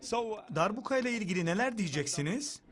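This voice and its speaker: A man's voice: high voice, animated, fairly quick. A young man, a native Turkish speaker, interviewing guests on location for television. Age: young adult. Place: indoor cultural center event rooms. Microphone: handheld microphone.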